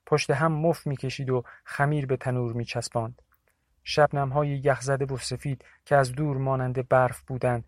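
A man narrating a novel in a steady, measured audiobook reading. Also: medium pitch, no room sound, studio quality.

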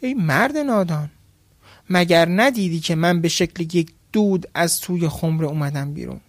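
A man's voice: fairly high pitch, animated, dry recording. A man voicing a huge boastful male demon from a jar, threatening and angry, later pleading.

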